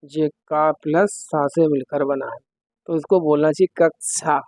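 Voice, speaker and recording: A man's voice: on the high side, fairly even intonation, measured pace, a little mellow, no echo, poor audio. A man teaching an exam-prep lesson, working through quiz questions step by step and putting questions to the listener.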